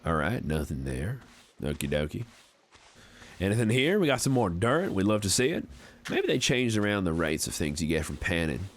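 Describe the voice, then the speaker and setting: A man in his forties with a low, very animated voice chats casually on a game livestream at normal speed, with a little hiss or hum in the audio. In character, he puts on an American Southern accent to play a folksy, amiable frontier fellow with courtly phrasing. The game streamer's mood is friendly and talkative.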